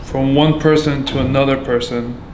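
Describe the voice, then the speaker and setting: A man from Afghanistan giving a candid account as a patient, halting and full of fillers and restarts. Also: medium pitch, steady tone. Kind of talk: candid personal testimony. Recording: echoey room with background noise.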